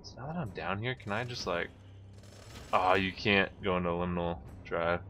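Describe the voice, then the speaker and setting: A man's voice: low voice, moderate pace, faint music behind. A man giving casual gameplay commentary, talking to himself and exclaiming as he plays. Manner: excitable, exclaiming, talks to himself. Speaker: video game player commentator.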